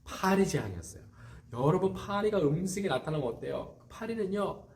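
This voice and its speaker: A man's voice: high voice, sing-song, a little fast, darkish tone. A man, a pastor, giving a children's sermon, asking the kids questions and telling the story dramatically.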